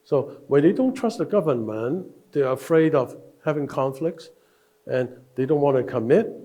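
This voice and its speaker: Older guy w/ teaching a leadership workshop, slow and emphatic, mellow voice. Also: mid-range voice. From Hong Kong. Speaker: workshop speaker.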